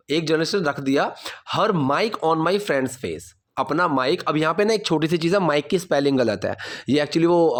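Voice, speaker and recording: A man with an Indian accent explaining English in a casual lesson, saying example sentences slowly and checking in with his listeners often. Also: a little high. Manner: slow, careful model phrases; checks in often with "theek hai?". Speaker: English teacher.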